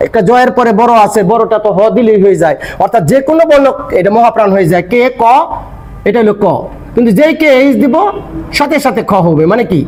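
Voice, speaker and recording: A man's voice: very high-pitched, lively intonation, fast, darkish tone, low-quality recording. A man teaching a grammar lesson, asking and answering his own questions. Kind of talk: explanatory lecture.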